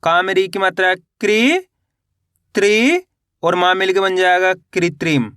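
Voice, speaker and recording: A man teaching beginners to read Hindi words, sounding out each syllable slowly and asking how to read them. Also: high-pitched, a bit bright, clean tone, no room sound, clean studio sound. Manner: slow, syllable-by-syllable drilling with repeated questions.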